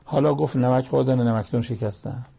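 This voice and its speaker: A man's voice: mid-range voice, fairly even intonation, gravelly, mellow, slightly rough. A man preaching a sermon, reciting Arabic scripture and pressing his listeners with pointed rhetorical questions.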